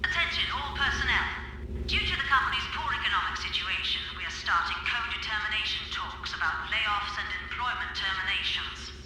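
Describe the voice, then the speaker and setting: An actor voicing a recorded company announcer, heard as a formal announcement over a factory loudspeaker. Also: male voice, high-pitched, brisk, a little hiss or hum. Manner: formal, flat corporate announcement. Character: male recorded public-address announcer for a company. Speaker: in-game announcer. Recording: echoey loudspeaker in a large hall, far off, with faint music.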